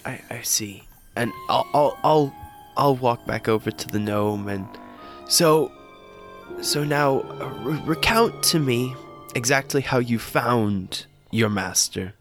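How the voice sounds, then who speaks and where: A man playing a tabletop game, questioning in character with a halting, stammering delivery that repeats words. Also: medium pitch, a bit bright, soft background music. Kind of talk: improvised role-play, questioning in character.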